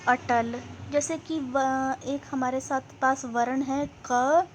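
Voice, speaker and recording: A woman's voice: high voice, slight background noise. A woman teacher giving a grammar lesson to young pupils, explaining step by step and asking questions she then answers herself. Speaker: school teacher.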